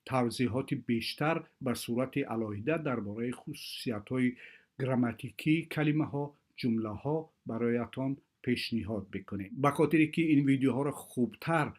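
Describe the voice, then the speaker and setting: A man introducing a language course in a formal, measured way. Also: mid-range voice, darkish tone. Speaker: course presenter. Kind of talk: explanatory introduction to a lesson.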